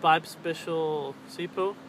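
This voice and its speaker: A man in his twenties chatting casually to camera in a hesitant, halting way, searching for his words. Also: fairly high pitch, fairly even intonation, a bit bright. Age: 20s. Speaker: vlogger. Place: outdoors on a riverbank under a road bridge. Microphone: camera's built-in mic at arm's length. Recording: clear outdoor traffic and ambient noise.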